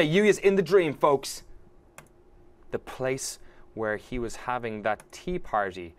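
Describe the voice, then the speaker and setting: A man hosting a let's play, giving casual, joking commentary while reading a visual novel. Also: medium pitch. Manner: wry, joking.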